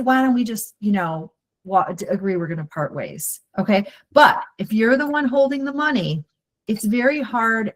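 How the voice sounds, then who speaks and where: A woman attorney walks a group of professionals through slides in a webinar, her voice sitting in an ordinary middle pitch. She speaks directly and with emphasis, and she keeps the talk moving with a steady string of "okay"s. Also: poor audio. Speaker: attorney presenting to interior designers.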